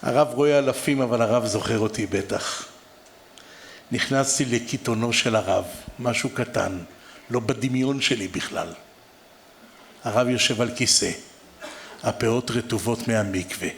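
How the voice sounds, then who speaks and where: A man from Israel preaching through a personal story, impassioned and building toward near-shouts. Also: mid-range voice, vocal fry, long pauses, slight background noise. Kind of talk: emotional storytelling sermon.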